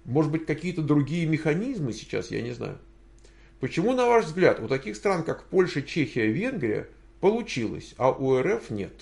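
An older man with a gravelly, creaky voice hosts a relaxed Q&A for his viewers. He drifts through his answers and thinks aloud, pausing often to hunt for words. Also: on the high side. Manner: rambling, thinking aloud with many hesitations. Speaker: host answering viewer questions. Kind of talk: casual livestream Q&A.

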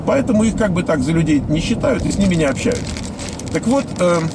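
A Russian-accented vlogger in his fifties, originally from the Soviet Union, delivers a blunt, scornful monologue to his viewers, full of hesitations. His voice is high, very animated and brisk, and loud traffic noise from outdoors fills the recording.

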